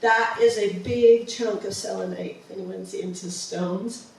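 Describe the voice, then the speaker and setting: Her voice sits at medium pitch, steady in tone and measured in pace, with vocal fry. She's a woman presenting a travel slideshow in a museum presentation room, casual and enthusiastic, often saying um and restarting. The mic is far away in a very echoey room, with slight background noise.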